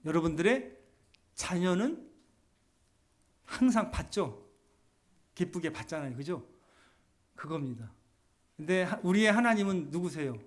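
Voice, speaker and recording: A middle-aged male pastor preaching a sermon. He keeps asking the congregation questions and answers them himself, and he acts out quoted speech. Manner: acts out quoted speech with shifting pitch and pace.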